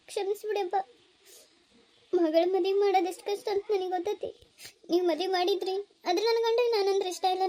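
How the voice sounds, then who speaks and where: A woman with a very high voice and a North Karnataka Kannada accent plays an anxious village mother in a family comedy-drama, speaking emotionally as she pleads and scolds. There is no echo on the recording.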